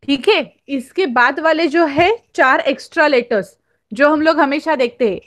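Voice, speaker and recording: A woman's voice: high-pitched, normal speed, no echo. A woman teaching German on an online class, explaining patiently and often checking with "right?". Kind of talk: online class lesson in Hindi and English.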